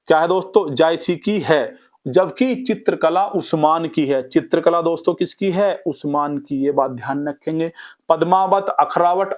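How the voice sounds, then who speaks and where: A fairly high-voiced man teaches a revision lesson. He drills the class in a lively, repetitive way, firing off questions and answering them himself. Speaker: Hindi exam-prep teacher.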